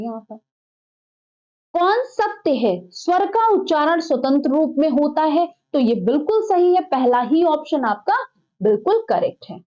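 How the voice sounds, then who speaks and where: A woman's voice: high voice, a little mellow, muffled recording. A woman teaching an exam-prep lesson, putting questions to the class and then answering them herself. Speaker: Hindi teacher.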